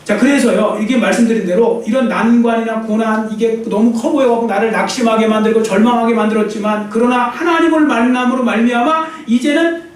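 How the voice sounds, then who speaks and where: A male pastor delivering an emphatic sermon, acting out the inner voices of the people he describes. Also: sits high. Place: church sanctuary. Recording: echoey church hall from far off.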